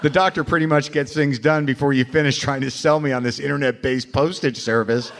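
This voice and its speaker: A man's voice: medium pitch, fairly even intonation, brisk, vocal fry. An American man hosts a live comedy show in a mid-range voice. He talks informally, with plenty of swearing. There is faint room noise behind him. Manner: profane, informal. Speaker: podcast host, comedian. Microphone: stage microphone.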